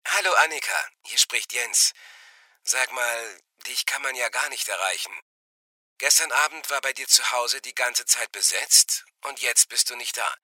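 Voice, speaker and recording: A man's voice: mid-range voice, animated, unhurried, bright, forceful tone, dry recording, exaggerated voice, poor audio. A man playing an office worker leaving an informal, mildly reproachful voicemail. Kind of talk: acted voicemail message.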